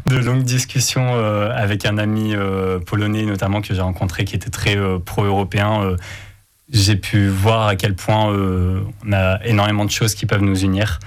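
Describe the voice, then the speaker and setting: A young man with a low, flat voice answers radio interview questions. He hesitates often and fills pauses as he talks. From France. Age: young adult. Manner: hesitant, many fillers. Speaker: student interviewee.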